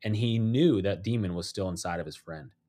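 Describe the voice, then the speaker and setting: A man with a lowish voice spins eerie stories as a podcast guest. He tells them in an animated way, acting out what people said to him, dropping low and quiet for the heavy parts. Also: brisk. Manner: animated storyteller, acts out quoted voices. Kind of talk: storytelling in a podcast conversation.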